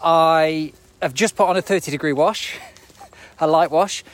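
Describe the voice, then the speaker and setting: A running coach in his forties, voice on the high side and a little slow, gives a casual, reflective motivational talk on a live video. He often checks in with rhetorical questions while walking uphill outdoors near an airport.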